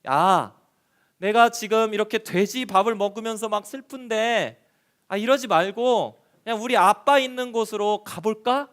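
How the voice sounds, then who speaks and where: A man's voice: high-pitched, unhurried, a bit bright. A man voicing an ashamed, hungry young son who pleads hesitantly to be taken back, in a children's sermon story. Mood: pleading.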